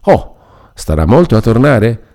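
A fretful peasant mother pleads in a raised, strained voice, worried and close to tears, put on by a man reading a classic novel. The tone stays dark and mellow underneath. It comes across as an audiobook figure in a reading. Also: medium pitch, big pitch swings, unhurried, vocal fry, pitched above the performer's own voice. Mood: anxious. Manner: pleading, anxious, near tears. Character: distressed middle-aged peasant mother.

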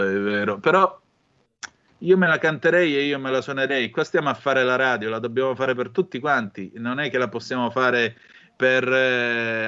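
A man's voice: mid-range voice, a bit bright, dull audio. A man hosting a radio show, chatting loosely and telling long stories to listeners. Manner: rambling, storytelling. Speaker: radio host. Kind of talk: casual radio talk.

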